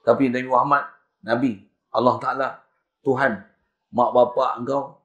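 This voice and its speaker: A Malaysian man with a Malaysian Malay accent preaching a sermon, swinging between loud emphatic lines and soft murmurs, mixing in English phrases. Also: medium pitch, little pitch movement, normal speed, dull audio. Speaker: religious preacher. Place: mosque prayer hall. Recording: echoey hall.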